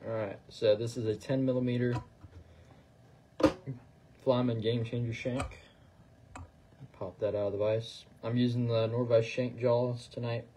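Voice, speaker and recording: Man, fly-tying demo, casual, level flat delivery, slight room noise. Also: medium pitch, unhurried, pauses often. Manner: relaxed, talks while working, fillers and trailing phrases. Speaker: fly tier demonstrating on a livestream. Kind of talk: casual instructional chat.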